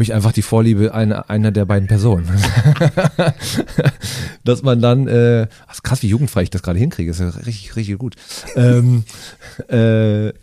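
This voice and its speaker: A man's voice: medium pitch, warm tone. A man who is a comedian and hairdresser tells funny anecdotes in a conversation, with many fillers and acted-out voices. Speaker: guest, stand-up comedian and hairdresser.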